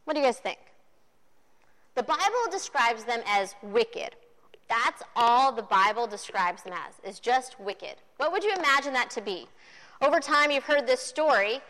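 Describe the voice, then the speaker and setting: A woman with a high voice preaches a lively sermon to a group at normal speed, animated and playful as she retells the story and asks the audience questions. The hall is reverberant.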